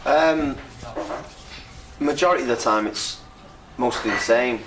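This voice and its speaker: A man's voice: medium pitch, unhurried. A young man with a North Wales accent, chatting casually and rambling in an interview, laughing often. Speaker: upcoming rapper. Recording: echoey room from a distance with crowd noise.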